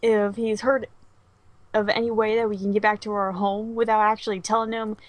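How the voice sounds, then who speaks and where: A woman's voice: mid-range voice, flat delivery, fairly quick, no echo. A young woman with a mid-range voice, recorded close and dry, takes up the thread of a shared made-up story. She chimes in easily and laughs along with her friend. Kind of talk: improvised storytelling.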